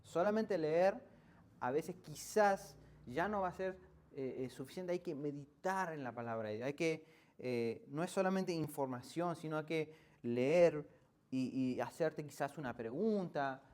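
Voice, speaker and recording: A male pastor with an Argentine accent delivers a conversational sermon in a somewhat high voice. He keeps checking in with his listeners through quick rhetorical questions. He often stumbles and restarts his phrases as he explains a point. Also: darkish tone. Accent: Argentine Spanish. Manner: hesitant restarts while explaining. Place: church.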